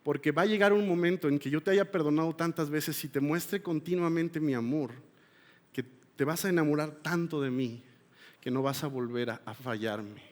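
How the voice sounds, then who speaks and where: A man preaching a sermon, moving between loud appeals and hushed, confessional passages. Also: a little high, normal speed. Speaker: pastor. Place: church hall. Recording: long hall reverb.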